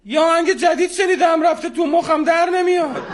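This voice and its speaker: Very high-voiced cheeky man. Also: a crowd in the background. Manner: cheeky, giggly. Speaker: radio co-host. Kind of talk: comic banter.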